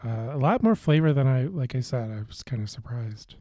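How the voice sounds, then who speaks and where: Mellow, husky-voiced man co-hosting a podcast. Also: mid-range voice, brisk, dry recording, studio quality. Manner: relaxed, hesitant, with many fillers and restarts. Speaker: podcast co-host. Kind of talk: casual beer-tasting chat.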